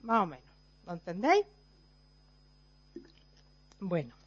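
A woman's voice: lowish voice, wildly swooping pitch, slow pace, husky, no echo. A woman teaches a group informally. She explains step by step, checks in with "right?" after nearly every phrase, and acts out everyday examples. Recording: dull, dry, lo-fi recording.

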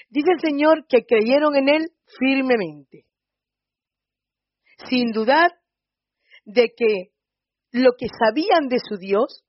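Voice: medium pitch, dry recording. A preacher with a Spain Spanish accent tells a Bible story in a chatty teaching way, often checking in with the listeners. The sound is dry and close, with a dull, slightly lo-fi tone. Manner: storytelling, often adds checking tag questions.

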